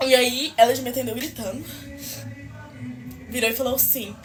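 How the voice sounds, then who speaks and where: A woman's voice: fairly high pitch, fairly even intonation, normal speed, a bit bright, faint music behind. A young Brazilian woman telling a story to the camera in an emphatic, indignant way, swearing to her viewers and addressing them directly. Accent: Brazilian Portuguese. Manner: emphatic, indignant retelling with oaths and asides to viewers. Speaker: storyteller in a clip. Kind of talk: emotional storytime vlog.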